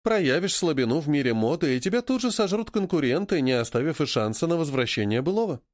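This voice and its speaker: A man's voice: a little high, very animated, fast talker, no room sound, studio quality. A man voicing a stern woman running a fashion house, barking orders like a drill sergeant. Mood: confident.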